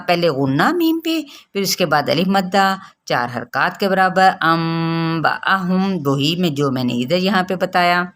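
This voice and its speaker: Woman tajweed teacher, lowish voice, patient and methodical, stretches words slowly when demonstrating. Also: fairly bright tone. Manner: patient step-by-step explaining, drawing out recited words slowly. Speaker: Quran recitation teacher. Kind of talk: tajweed lesson.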